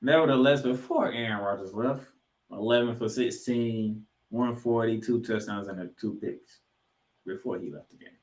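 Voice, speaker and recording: A man with a lowish voice hosts a sports podcast, giving forceful football commentary with dramatic pauses and repeated phrases. The recording quality is rough.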